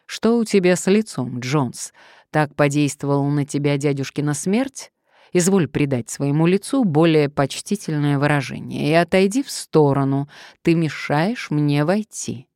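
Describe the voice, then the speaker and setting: A woman's voice: low voice, animated, moderate pace, darkish tone, no room sound, studio quality. Woman voicing an indignant young male aristocrat. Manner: haughty, outraged demands. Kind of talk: audiobook character reading.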